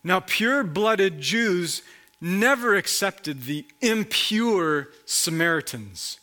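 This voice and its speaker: A man preaching a sermon, slowly explaining a Bible passage and posing rhetorical questions. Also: high voice, animated, bright, forceful tone. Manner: slow, reflective Bible teaching with rhetorical questions.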